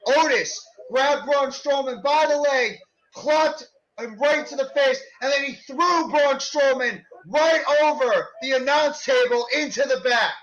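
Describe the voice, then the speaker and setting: A man working as a wrestling commentator, calling live play-by-play in an excited, exclaiming manner over a stream. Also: very high-pitched, a little slow. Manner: excited, exclaiming, shouting at big moves. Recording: dull lo-fi online stream audio.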